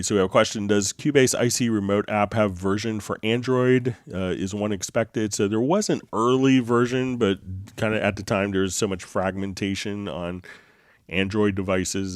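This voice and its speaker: A man hosts a casual software tutorial stream in a very deep, magnetic low voice. The tone is smooth and resonant, with a slight cold, and he explains things in a halting, laid-back way. The sound is dry and close to the microphone. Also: no room sound. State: getting over a slight cold. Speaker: livestream host answering software questions. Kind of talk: casual tutorial livestream talk. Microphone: close microphone straight into mixer.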